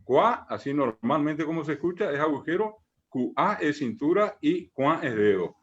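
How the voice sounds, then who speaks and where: A man teaching a language class online, patiently repeating examples, pausing on fillers and checking in with his students. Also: on the high side, sing-song, a little hiss or hum. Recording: muffled online call audio.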